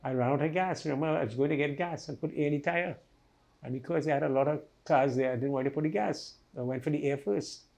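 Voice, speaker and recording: Man with a rough, dark voice telling what happened to him, acts out the voices. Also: a little high, fast. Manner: vivid storyteller, acts out the voices he quotes. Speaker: interviewee. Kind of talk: personal testimony in an interview.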